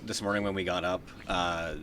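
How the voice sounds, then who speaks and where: A man's voice: low voice, little pitch movement, fairly quick, noisy background. A man in casual conversation as a podcast co-host, recorded outdoors in a backyard. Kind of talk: casual chat. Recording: faint outdoor backyard ambience.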